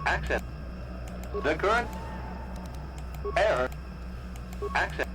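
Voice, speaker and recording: An actor playing a malfunctioning ancient computer guardian in a video game, stuttering and repeating error messages in flat, broken fragments. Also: male voice, on the high side, takes it slowly. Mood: glitching.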